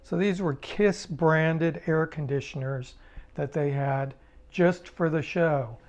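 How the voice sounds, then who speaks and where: A man's voice: on the high side, takes it slowly, darkish tone. A man casually recounting a touring story, rambling and acting out the exchanges he quotes. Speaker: musician telling tour stories.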